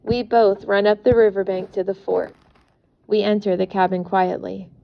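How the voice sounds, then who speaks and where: Gravelly woman reading an audiobook. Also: mid-range voice, little pitch movement, normal speed. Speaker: audiobook narrator. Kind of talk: audiobook narration in first person. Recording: muffled recording, faint hiss.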